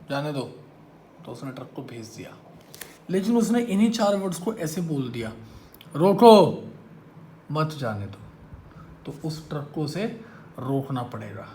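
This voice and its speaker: A male maths teacher lecturing a class, teasing and quizzing his students as he goes. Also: fairly high pitch.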